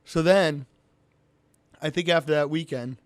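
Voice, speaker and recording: A race car driver with an unhurried voice, recorded dry, tells stories in a casual podcast interview. He's an animated storyteller who acts out the people he quotes, his voice jumping high when he does.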